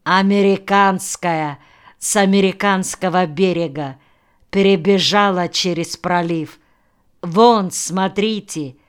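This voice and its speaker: A woman's voice: lowish voice, slow, smooth. A woman doing a mild, good-natured young man. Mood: reasoning.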